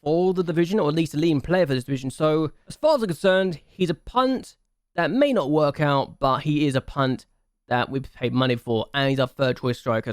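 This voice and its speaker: A man's voice: a little high, smooth, dry recording, clean studio sound. A man hosting a game channel, chatting casually through his gameplay, thinking aloud and repeating himself for emphasis.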